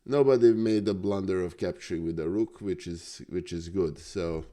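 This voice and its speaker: Deep-voiced stream host. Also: male voice, normal speed, dark tone. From Serbia. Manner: friendly, greets viewers by name. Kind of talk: live-stream chat.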